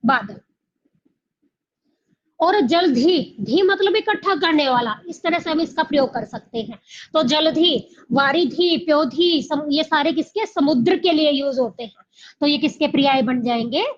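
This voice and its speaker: A woman teaching an exam coaching class, asking questions and answering them herself, repeating key words slowly. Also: high-pitched, lively intonation, dull audio. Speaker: Hindi teacher.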